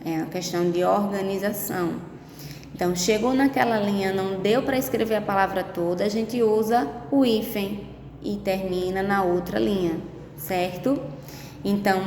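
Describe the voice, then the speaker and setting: Woman, primary teacher, slow patient remote lesson; echoey room with long reverb. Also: mid-range voice, a little mellow, a little hiss or hum. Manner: slow, patient, with frequent tag questions. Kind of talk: remote lesson to young pupils.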